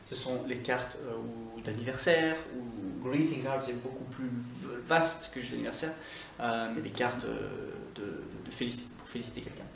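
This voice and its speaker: A man hosting a video English lesson, upbeat, repeating English words slowly to model pronunciation, recorded by the camera from a few feet away indoors. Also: medium pitch, vocal fry. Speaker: English teacher and channel host. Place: indoor room, moving in and out of camera frame. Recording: echoey room, voice from a distance, faint background noise.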